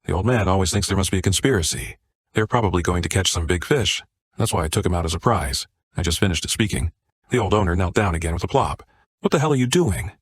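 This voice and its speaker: A man narrating a comic story recap in a flat, even reading style. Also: low-pitched, fast talker, no room sound.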